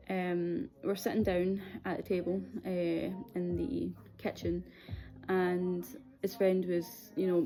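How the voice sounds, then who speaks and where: Low, mellow-voiced young Scottish woman, conversational. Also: rough recording. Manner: candid, hesitant, conversational. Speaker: video series host. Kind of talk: personal confessional storytelling.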